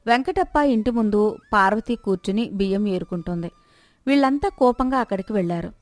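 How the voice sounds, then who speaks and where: A woman narrating a moral story in a steady storytelling manner, recorded dry. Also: medium pitch, brisk, dry recording.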